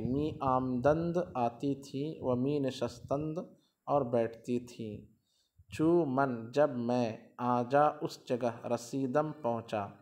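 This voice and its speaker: A man with an Indian Urdu accent gives a grammar lesson in a middle-pitched voice. He explains each point patiently, saying a form and then repeating it with its meaning. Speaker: teacher.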